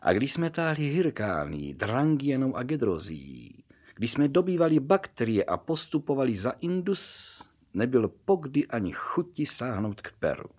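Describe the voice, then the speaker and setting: A man reads a formal letter aloud with a very lively, rising and falling melody. His mid-range voice stays expressive and formal. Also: mid-range voice. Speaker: reader.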